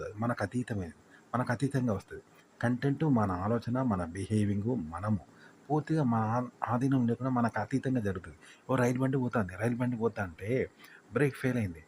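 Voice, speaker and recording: A man's voice: on the low side, darkish tone, slight background noise. A man explaining tips in a talk to camera, repeating himself and asking rhetorical questions. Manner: repetitive, full of rhetorical questions. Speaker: YouTube tips instructor.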